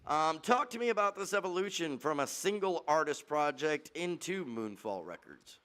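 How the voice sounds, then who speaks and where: A man hosts a casual podcast interview, hyping up his guest with introductions packed with "uh" and "man." His voice is fairly high and a bit bright, animated and at a moderate pace.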